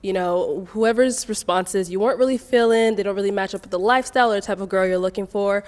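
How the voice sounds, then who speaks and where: A woman's voice: mid-range voice, quick pace, in a large hall. A woman hosting a dating show, upbeat as she explains the rules.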